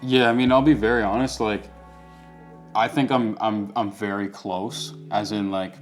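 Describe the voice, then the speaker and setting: A man's voice: on the low side, little pitch movement, normal speed, faint music behind. A man in his twenties hosting a casual chat, talking candidly and reflectively with plenty of "like" and "you know" fillers. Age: 20s. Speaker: host.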